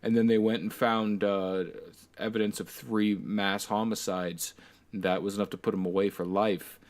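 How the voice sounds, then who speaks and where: A man's voice: lowish voice, level tone, normal speed. A man co-hosting a podcast, talking in casual chat, blunt and jokey and swearing freely. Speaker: podcast co-host.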